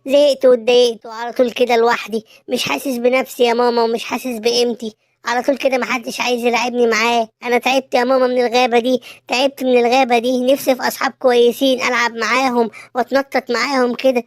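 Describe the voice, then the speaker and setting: A woman's voice: fairly high pitch, level tone, very fast, dry recording, clean studio sound, natural voice. A woman voicing a sad, lonely little boy elephant in an Egyptian Arabic cartoon, whining and complaining. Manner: whiny, complaining. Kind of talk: cartoon voice acting.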